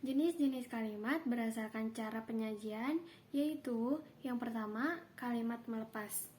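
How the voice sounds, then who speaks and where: A woman teaches a class, explaining each point in a steady, orderly way. Her voice sits a little high. A faint hiss runs under the recording. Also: moderate pace. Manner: steady explanatory delivery with spoken example sentences. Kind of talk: classroom lesson on grammar.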